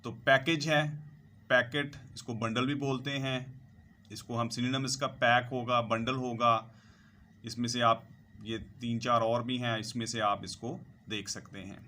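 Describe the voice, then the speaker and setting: A man's voice: medium pitch, little pitch movement, unhurried, sharp tone, slight background noise. A male English teacher, talking over slides and listing word meanings and synonyms one by one. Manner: lists synonyms one by one, repeats "ठीक है जी". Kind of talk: slow vocabulary lesson over slides.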